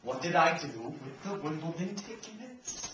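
A man playing a hot-tempered husband who rants and shouts, recorded live on a theater stage. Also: fairly high pitch, lively intonation, measured pace. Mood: frantic. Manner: ranting, shouting. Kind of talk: live stage comedy acting. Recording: echoey noisy stage from a distant mic.

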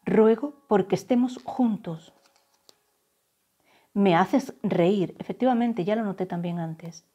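Soft-spoken woman reading tarot, warm and breathy. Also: mid-range voice. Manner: slow, soft, drawn-out channeled phrases. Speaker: tarot reader. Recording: faint background music.

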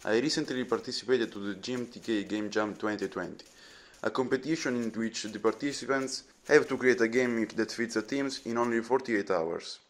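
A man's voice: mid-range voice, moderate pace. A teenage man with an Italian accent, narrating a voice-over about making his game in an earnest, explanatory way. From Italy. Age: teens. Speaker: game developer.

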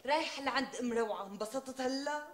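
An actress playing a sharp-tongued, defiant wife with a Damascene Syrian accent, who answers back in curt, dismissive retorts. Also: female voice, high-pitched, fast, echoey room, close to an everyday voice. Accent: Damascene Syrian Arabic.

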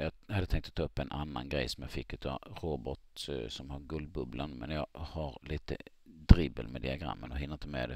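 A man walking through stock charts in a halting screen-recorded analysis, with many fillers as he thinks aloud. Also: very deep voice, vocal fry, dry recording, clean studio sound. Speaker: market analyst.

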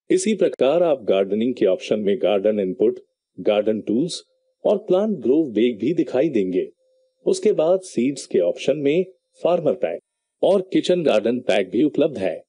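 A man with a lowish, darkish voice and a breathy edge hosts a tutorial channel, narrating a screen recording. He is instructive, walking viewers through each click step by step. The studio sound is clean, with no room sound.

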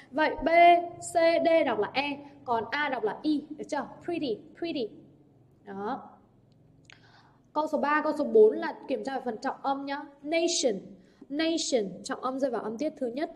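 A young adult woman teacher working through English exam answers, often checking in with the class through rhetorical questions. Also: sits high. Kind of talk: exam answer walkthrough lesson.

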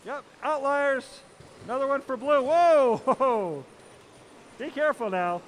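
High pitched guy announcing a match live, excitable, lots of whoas. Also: moderate pace, slight background noise. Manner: excitable, exclamatory. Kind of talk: live play-by-play commentary.

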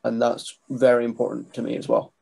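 Brief: young guy, gravelly fry, hesitant, webcam mic in a small bedroom. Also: mid-range voice, monotone, a little fast. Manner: soft-spoken, hesitant with many restarts. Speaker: guest, wrestling writer and trainee. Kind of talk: casual interview over video call. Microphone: webcam mic on video call.

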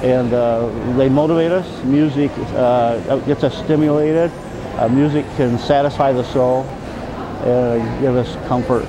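Earnest guy from a local club, halting a bit, noisy hall behind. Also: medium pitch, steady tone. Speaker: community club member. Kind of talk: casual interview.

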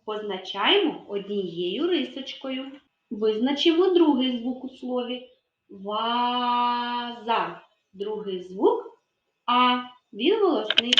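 Slow, lively-voiced kindergarten teacher. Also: female voice, a little high. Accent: Ukrainian. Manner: slow, clear, sound-by-sound enunciation. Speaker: preschool teacher. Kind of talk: literacy lesson for young children. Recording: echoey room, dull lo-fi sound.

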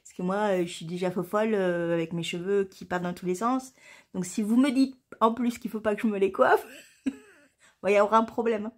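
A woman in her forties talking straight to her viewers in a relaxed knitting vlog. She chatters along at an everyday middle pitch, breaks into laughter often, and lets off steam with the odd swear word. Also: brisk. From France. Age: 40s. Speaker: knitting vlogger. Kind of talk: casual chat to camera.

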